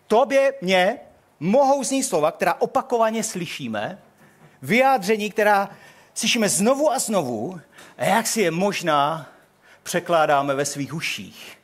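An older man preaching a sermon in a hall, telling the story in an animated way and acting out the quotes. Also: sits high.

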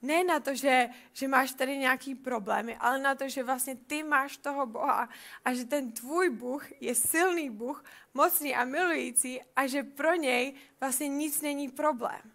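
A woman's voice: sits high, fairly bright tone. A woman reading a Bible passage and reflecting on it in a conversational way, often repeating words as she thinks.

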